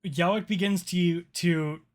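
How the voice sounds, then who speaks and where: Man, game master, tabletop narration, fairly high voice, casual halting delivery. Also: fairly even intonation.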